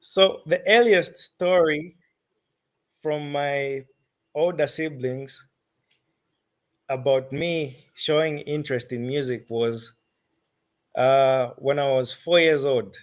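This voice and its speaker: With a fairly high pitch and a steady tone, the Zambian-accented musician replies to interview questions, his thoughts coming out deliberate and halting.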